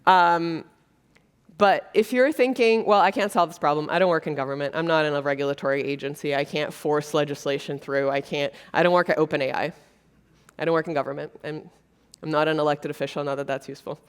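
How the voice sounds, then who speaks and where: A woman from Brazil with a deep, clean voice gives a keynote on a conference stage, speaking fairly quickly. She addresses the audience earnestly and conversationally, often using fillers.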